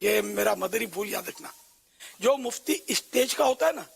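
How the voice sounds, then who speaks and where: A man's voice: high-pitched, lively intonation, vocal fry, husky. A man giving a conversational religious talk as a scholar, rambling and leaning on fillers.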